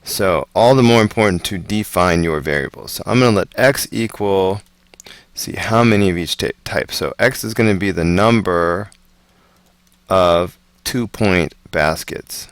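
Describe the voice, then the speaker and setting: Slow, low-voiced man explaining math. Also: dry recording. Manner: relaxed, chatty, slow and deliberate. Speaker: math teacher. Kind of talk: casual homework walkthrough.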